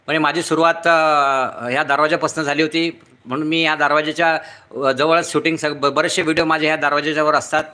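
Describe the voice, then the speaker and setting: This middle-aged man's voice is a little high, and he talks fairly quickly with a flat delivery, his words echoing around the room. He's hosting a relaxed YouTube live stream at home next to his front door, chattily reading out comments, welcoming viewers by name and offering warm thanks.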